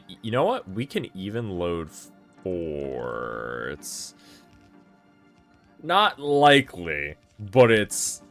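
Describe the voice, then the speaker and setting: A man's voice: lowish voice, a bit bright. A man giving casual gameplay commentary, thinking aloud and correcting himself as he plans, sounding tired and yawning at times. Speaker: gameplay streamer.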